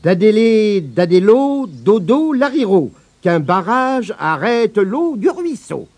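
A man's voice: sits high, very animated, takes it slowly, darkish tone, voice pushed up, full character voice. A man voicing a grumpy female magic spider who fumbles her spells, grumbling and huffy. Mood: fussing.

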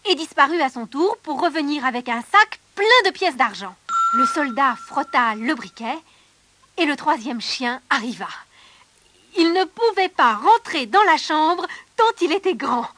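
A woman narrating a fairy tale in an expressive storybook manner, dropping to hushed tones and rising for drama. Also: high voice, dry recording.

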